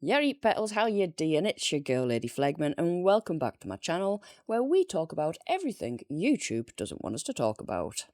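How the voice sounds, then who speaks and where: A woman's voice: low-pitched, huge pitch swings, fairly quick, few pauses, darkish tone, dry recording, studio quality. A chatty woman with a Northern English accent, casually reviewing books and joking at her own expense. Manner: chatty and jokey, laughing at herself. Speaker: book reviewer. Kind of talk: casual unscripted video review.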